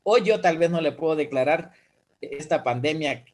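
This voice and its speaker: A man with a notably high voice talks through a question of faith as an evangelical pastor. He reasons earnestly, posing rhetorical questions and walking the listener through plain everyday examples. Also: normal speed. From Central America. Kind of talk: explaining faith in a guest talk.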